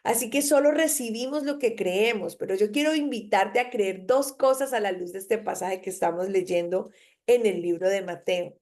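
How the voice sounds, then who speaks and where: A woman's voice: medium pitch, normal speed, a little mellow. A woman preaching a daily devotional, reading scripture and urging the listener with emphatic repetition. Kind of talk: devotional sermon with Bible reading.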